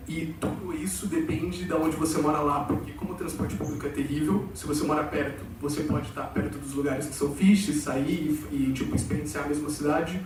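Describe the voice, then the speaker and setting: A young Brazilian exchange student gives a loose, chatty presentation to fellow students in a big auditorium, wandering off topic and peppering his talk with fillers. His slightly high, somewhat mellow voice is picked up far from the mic, with heavy hall echo and faint background noise. His Brazilian Portuguese accent carries a bit of Portugal slang.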